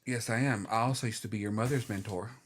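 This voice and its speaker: A man voicing a calm, wry woman archmage mentor in a tabletop game. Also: fairly low pitch, fast, a little hiss or hum, close to an everyday voice.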